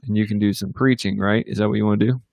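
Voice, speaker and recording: A man's voice: fairly low pitch, fairly even intonation, very fast, gravelly, darkish tone, dry recording. A man co-hosting a casual ministry livestream from a home studio, talking loosely with many fillers and restarts. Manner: rambling, upbeat, lots of fillers and restarts. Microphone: computer or webcam mic in a home studio.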